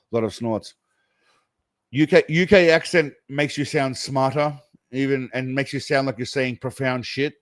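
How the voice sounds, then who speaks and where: A man hosts a reaction show, responding to clips with crude, sarcastic commentary full of profanity and mockery. His voice is mid-range and the recording is dry.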